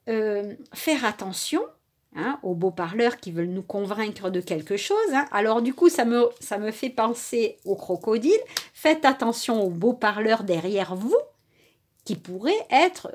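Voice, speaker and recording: A woman's voice: on the high side, a little mellow. A woman reading tarot and oracle cards for her viewers in a casual, chatty way, full of little fillers and the odd stumble over her words. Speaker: tarot and oracle card reader.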